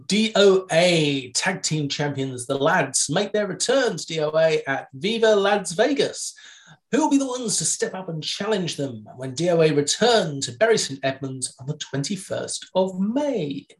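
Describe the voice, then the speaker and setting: A woman co-hosting a podcast, briskly reading match lists with dry jokes in a casual news roundup. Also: lowish voice, expressive. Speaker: podcast co-host.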